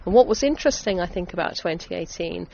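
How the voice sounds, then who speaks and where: A woman's voice: fairly low pitch, animated, quick pace, vocal fry, dark tone. A middle-aged woman from Essex with a southern English accent, chatting enthusiastically as a vineyard owner in a casual interview. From Essex, England. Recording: dull lo-fi sound with background noise.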